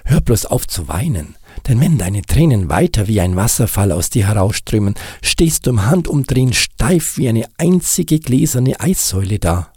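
A man's voice: fairly low pitch, very animated, moderate pace, hardly any pauses, dark tone, husky, no room sound, studio quality, voice pushed up, full character voice. A man voicing a teasing, easygoing snowman friend who jokes and reassures as he reads a storybook aloud. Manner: jokey and reassuring. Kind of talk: storybook reading.

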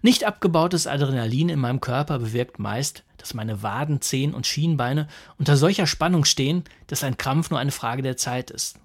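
A man with a husky voice narrates a humorous first-person story. His telling is dry and wry, and his voice sits at an ordinary middle pitch. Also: moderate pace, hardly any pauses.

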